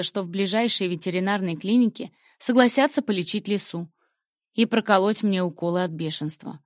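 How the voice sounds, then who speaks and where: A woman reads a first-person fantasy audiobook in an expressive storytelling manner, leaning into dramatic moments. Her voice sits in a middle pitch, and the recording is close and dry with no room sound around it. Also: no room sound. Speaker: audiobook narrator.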